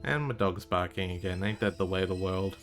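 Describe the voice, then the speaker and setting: Man wry low-voiced streamer. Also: a little fast, a bit bright. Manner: wry, offhand, swears freely. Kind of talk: casual live game commentary. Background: game music.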